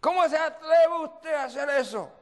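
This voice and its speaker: A male preacher voicing a furious middle-aged housewife who shouts accusations in a high, indignant voice. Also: a little slow, big-room sound.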